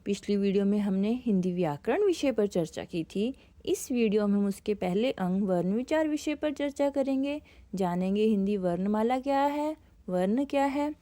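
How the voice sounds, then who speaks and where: A woman teaching a Hindi grammar lesson, sounding out each vowel slowly and deliberately. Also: mid-range voice, lively intonation, warm tone. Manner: slow, deliberate pronunciation of sounds. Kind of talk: instructional lesson.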